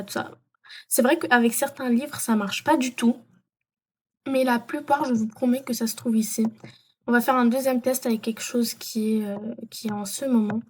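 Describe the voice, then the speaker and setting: Hesitant young-sounding woman, mellow. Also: fairly high pitch. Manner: hesitant, many fillers and self-corrections. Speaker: vlogger. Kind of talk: casual screen tutorial.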